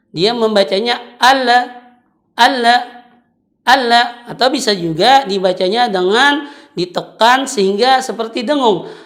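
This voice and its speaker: A woman teaching Quran recitation, patiently explaining and chanting drawn-out example syllables. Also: mid-range voice, fairly bright tone.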